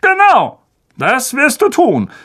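A pompous, bossy uncle who lays down the law with great self-importance, played by a reader. He speaks slowly and weightily, his voice swooping up and down for effect. A storybook performance. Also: mid-range voice, very animated, fairly bright tone.

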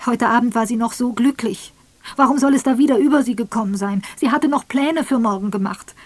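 A woman reader voicing a distraught young husband who shouts high and strained. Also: fairly even intonation, normal speed, gravelly, slightly rough, no echo. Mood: desperate.

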